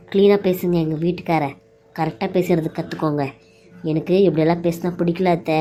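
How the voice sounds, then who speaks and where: A woman voicing a defiant, sharp-tongued young daughter-in-law in a cartoon serial, speaking with reproach and sarcasm. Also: on the low side, natural voice. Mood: firm.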